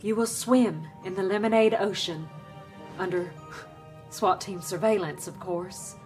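A woman's voice: medium pitch, steady tone, measured pace, darkish tone, faint music behind, lightly acted. An actress playing an earnest young female FBI agent in a film clip, speaking in a stiff, formal way. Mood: businesslike. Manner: stiff, formal, businesslike delivery.

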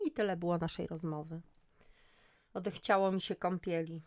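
A middle-aged woman reading a first-person story aloud, lifting her voice for the dialogue. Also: normal speed. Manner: voices dialogue with lively rises in pitch. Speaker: audiobook narrator. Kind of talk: first-person audiobook narration.

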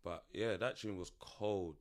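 A man's voice: low-pitched, unhurried. A man with a London roadman accent in casual podcast chat, slangy and repetitive, often checking that he is being followed. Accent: London, urban roadman slang. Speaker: podcast host.

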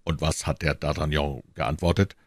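A man's voice: extremely low pitch, fairly even intonation, moderate pace, dry recording, studio quality. A man reading an audiobook, voicing a stern, indifferent police commissioner who questions a prisoner. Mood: cold, stern. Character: cold, suspicious male police commissioner, middle-aged.

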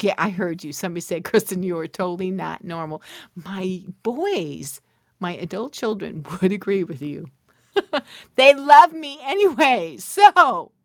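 A woman's voice: mid-range voice, a bit bright, dry recording, studio quality. A middle-aged woman hosting a podcast, talking casually and playfully to her listeners and dropping into whispers for emphasis. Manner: playful, chatty, talks straight to listeners with asides and laughs. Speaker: podcast host.

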